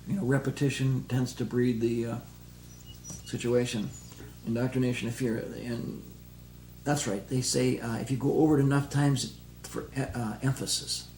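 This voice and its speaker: Dark-voiced man, distant and echoey. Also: mid-range voice, little pitch movement. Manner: halting, explanatory, with fillers. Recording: distant, echoey archive recording with hum.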